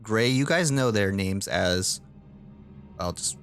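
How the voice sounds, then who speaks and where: A man's voice: fairly low pitch, animated, slow, a bit bright. A man narrating a tabletop role-playing game as its game master. He describes the scene in a casual way and laughs often, with faint music playing underneath.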